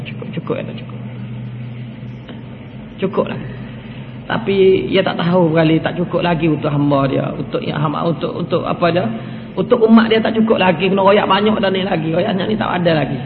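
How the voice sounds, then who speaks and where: A high-pitched man delivers a colloquial religious lecture and repeats his phrases for emphasis. His voice rings through a big echoey hall with a long tail of reverb. It comes through thin and phone-like over a faint hiss. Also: fast, vocal fry. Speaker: preacher.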